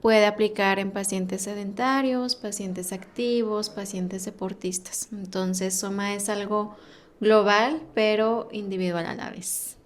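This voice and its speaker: A woman guest explains her health practice in a clear, even way. Her pitch sits in the middle. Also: unhurried. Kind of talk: explaining in an interview.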